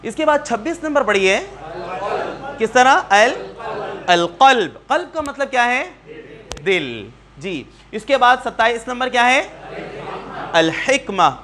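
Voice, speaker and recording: High bright-voiced man teaching a class. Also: very animated, pauses often, a faint crowd. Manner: patient, asks students to repeat words and corrects pronunciation. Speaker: Quran teacher. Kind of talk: classroom teaching, word drills. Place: neighbourhood class room.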